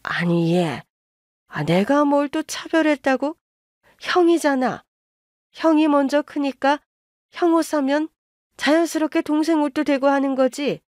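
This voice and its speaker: A woman's voice: high voice, expressive, measured pace, darkish tone, no echo, studio quality, pitched above the performer's own voice. A woman voicing an older mother-in-law who plays favorites and brushes off complaints, in a storybook radio drama. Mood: dismissive. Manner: brushing off, self-justifying. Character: older mother-in-law, dismissive and favoring her elder son.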